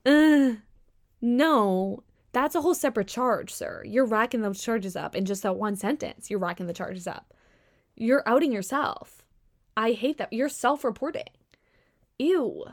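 A young woman hosting a solo podcast, ranting in a sarcastic, animated way with slang and bursts of laughter. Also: fairly high pitch. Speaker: podcast host. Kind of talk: casual solo podcast commentary.

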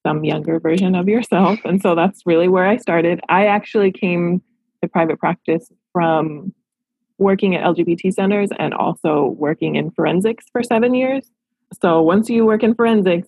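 A woman in her thirties speaks as a therapist in an interview, reflective and earnest. Her voice is low-pitched and husky, with a gravelly edge. The recording is dry and close. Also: darkish tone, no echo, low-quality recording. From Los Angeles. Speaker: therapist and practice owner. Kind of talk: podcast interview answers.

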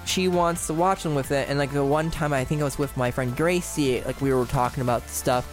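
A man's voice: mid-range voice, fairly even intonation, brisk, soft background music. A man chatting casually with friends, explaining things as an eager fan in slangy, frat-bro talk full of filler words.

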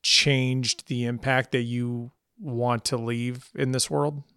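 A man's voice: medium pitch, little pitch movement, slow, a bit bright, clean tone, no echo. A man hosting an interview podcast, asking careful questions and hesitating as he searches for words. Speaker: podcast host.

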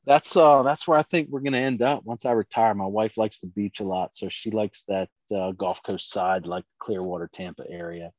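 Middle-aged male competition shooter, very low voice, rambling casual chat, dry close sound. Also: moderate pace, few pauses, a little mellow, no room sound, poor audio. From Maryland. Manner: rambling, many fillers.

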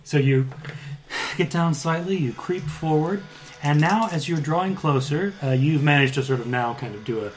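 A man with a somewhat high voice narrates a tabletop game as its game master. He builds descriptions haltingly and rephrases as he goes. Music plays faintly behind him.

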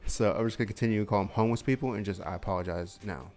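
A man's voice: lowish voice, rapid-fire, a little mellow, faint music behind. A man hosting a casual comedy podcast, rambling, laughing easily and swearing. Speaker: podcast host.

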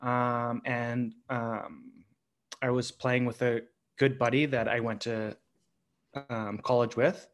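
Man, slow and halting, many ums, a guest recounting his hockey comeback. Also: medium pitch, flat delivery. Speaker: guest, former pro hockey player. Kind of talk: conversational storytelling.

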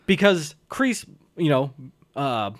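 A man co-hosting a casual movie podcast, animatedly retelling scenes and agreeing quickly. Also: fairly high pitch, very animated, no echo, studio quality. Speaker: podcast co-host. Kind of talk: casual movie-review chat.

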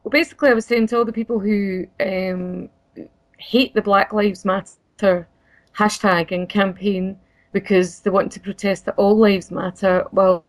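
A woman's voice: mid-range voice, fairly even intonation, unhurried, no echo. Earnest woman on a video call. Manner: earnest, concerned. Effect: on a video call with a breaking-up connection. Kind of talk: casual discussion.

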